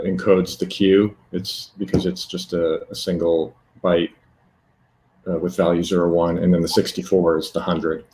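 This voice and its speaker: A man presenting a live technical demo, talking haltingly with many fillers and self-corrections. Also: low-pitched, a little mellow, rough recording.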